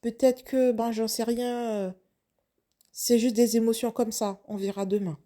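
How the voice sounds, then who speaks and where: A woman's voice: a little high, level tone, measured pace, dark tone, lightly acted. A woman acting out a young, lovestruck waitress who panics and keeps questioning herself. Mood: anxious. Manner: breathless, flustered self-questioning. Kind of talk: first-person story acting.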